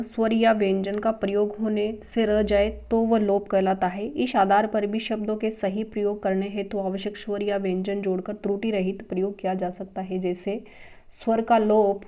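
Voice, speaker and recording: A woman teaching a spelling and grammar lesson at a brisk pace, drilling word after word and naming each new word louder and higher. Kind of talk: exam-prep grammar lesson. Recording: dull lo-fi sound.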